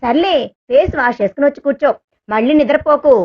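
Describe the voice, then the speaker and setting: A woman's voice: high-pitched, fast, dull audio, natural voice. A woman doing a teasing, caring young man. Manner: teasing, gentle, reassuring.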